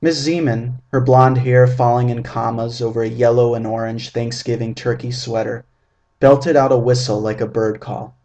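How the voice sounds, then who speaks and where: With a steady, mellow, medium-pitched voice, a man in his twenties reads his first-person story aloud. His delivery is measured, vivid and full of description.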